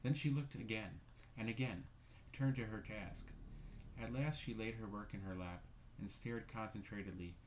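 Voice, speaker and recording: A man reading a classic ghost story aloud in a measured, steady way. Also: lowish voice, a little hiss or hum, rough recording. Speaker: reader.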